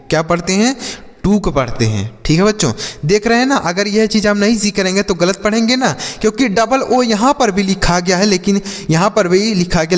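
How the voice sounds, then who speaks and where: A man teaching a video lesson to students, spelling letters out slowly and deliberately and often asking them to check along. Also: sits high, in a large hall. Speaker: English teacher. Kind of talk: classroom-style video lesson.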